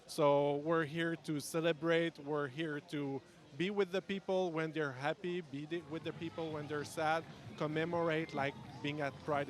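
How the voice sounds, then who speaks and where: Founder, male, slightly high voice, hesitant English, outdoors. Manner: hesitant, second-language English. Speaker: founding member of a charity order. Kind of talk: interview answers.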